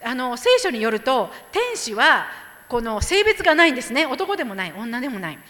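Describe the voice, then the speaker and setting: A woman interpreting a sermon phrase by phrase, lively and expressive as she restates each line for the congregation. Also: fairly high pitch, normal speed. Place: church hall. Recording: echoey hall.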